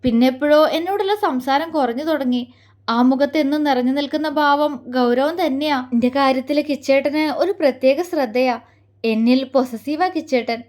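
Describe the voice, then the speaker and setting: A woman voicing a gentle young heroine who speaks softly and haltingly, close to tears, in an audio story. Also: high-pitched, natural voice. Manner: soft, hesitant, halting.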